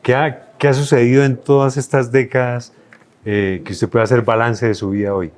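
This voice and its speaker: A man's voice: mid-range voice, level tone, moderate pace. A man hosting a formal newspaper interview, polite and deferential toward his guest. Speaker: interviewer, host.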